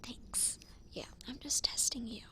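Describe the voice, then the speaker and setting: A woman doing a fast-whispered ASMR role-play as a flaky, self-assured psychic, rambling in a breezy, informal way. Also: fairly high pitch. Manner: rambling, breezy, informal filler-heavy talk. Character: flaky, self-assured female psychic giving a cleansing session.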